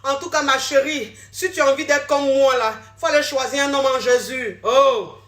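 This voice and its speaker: A woman's voice: high voice, moderate pace, fairly bright tone, a little hiss or hum. A woman coach, talking bluntly and scolding her viewers in a social media video. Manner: blunt, scolding, repeats herself. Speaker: relationship coach. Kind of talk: direct-to-camera social media talk.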